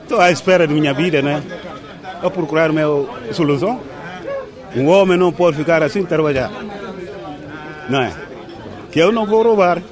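In his 60s, a bicycle repairer answers street interview questions at a busy outdoor market, and a loud crowd can be heard behind him. His voice is a little high and brisk, broken by long pauses. He speaks plainly and repeats himself, often asking "não é?"

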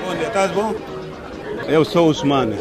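A man's voice: fairly high pitch, normal speed, over music. A man, a bicycle repairer answering street interview questions plainly, often asking "não é?". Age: 60s. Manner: plain-spoken, repetitive, often asks "não é?". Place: busy outdoor market. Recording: loud market crowd behind.

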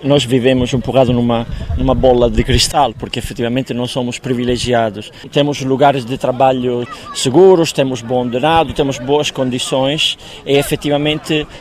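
A man's voice: medium pitch, fairly even intonation, crowd noise. A man with an Italian accent giving interview answers, searching for words in a language that is not his native one. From Italy. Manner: halting delivery, searching for words. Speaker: tournament organizer, agency official.

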